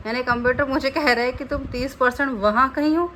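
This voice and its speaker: Young woman from jammu vlogging at home, kinda high voice, chatty and jokey, faint background hum. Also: steady tone, brisk, a bit bright. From Jammu, India. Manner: chatty and playful, often laughing at herself. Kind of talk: casual daily-life vlog chat. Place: at home indoors, later on a balcony.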